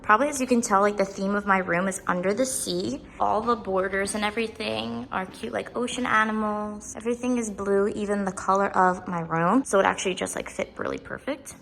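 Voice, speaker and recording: Young woman, gravelly vocal fry, chatty vlog talk, first grade teacher, upbeat and filler-heavy. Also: medium pitch, brisk, hardly any pauses, fairly bright tone, slight background noise, low-quality recording. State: out of breath. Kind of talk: casual vlog narration.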